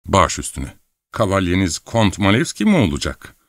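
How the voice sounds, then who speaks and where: Man doing gruff young captain, blunt, sulky, low voice, dry. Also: wildly swooping pitch, normal speed, a bit bright, dry recording, exaggerated voice.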